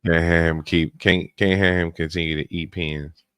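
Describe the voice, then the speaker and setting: A man's voice: deep voice, little pitch movement, normal speed, fairly bright tone. A man co-hosting a wrestling review podcast, talking in a laid-back, slangy way. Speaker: podcast co-host. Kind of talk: casual wrestling review chat.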